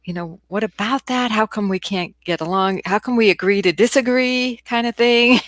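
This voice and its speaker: A woman's voice: mid-range voice, moderate pace, no echo. A woman hosting a casual podcast, asking friendly, reflective questions. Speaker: podcast host.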